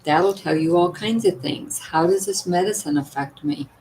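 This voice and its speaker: Her voice is on the low side and a little mellow, moving at a moderate pace, though partly worn and weakened with age. This older woman chats emphatically to her viewers at home with health tips, often asking "you know what?" Slight background noise and a rough recording come through.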